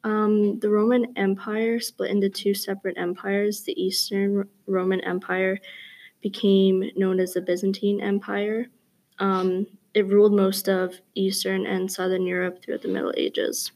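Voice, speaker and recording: A woman's voice: mid-range voice, little pitch movement, measured pace, darkish tone, rough recording. A young female ninth-grade student giving prepared answers in a classroom discussion. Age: teenager, ninth grader.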